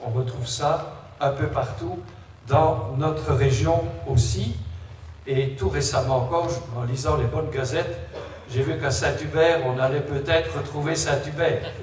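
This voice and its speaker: A man's voice: a little high, measured pace. A man giving a religious lecture as a priest, explaining things with conversational asides to his listeners, in a large, echoing space. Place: large reverberant indoor space. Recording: echoey hall, distant mic, background noise.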